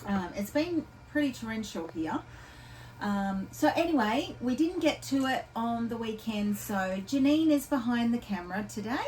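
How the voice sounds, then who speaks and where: A woman's voice: a little high, expressive, normal speed, darkish tone. An Australian woman who works at an animal shelter, giving a casual, rambling weekly update with many ums and restarts. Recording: voice from a distance from the camera, faint background ambience.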